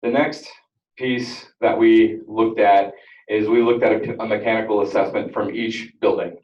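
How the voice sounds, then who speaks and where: A man with a very low, self-described very loud voice rambles through an energy audit presentation to a school board, keeping a steady tone and moderate pace amid frequent fillers and restarts. The recording is muffled, coming from a room microphone set back in the echoing district meeting room.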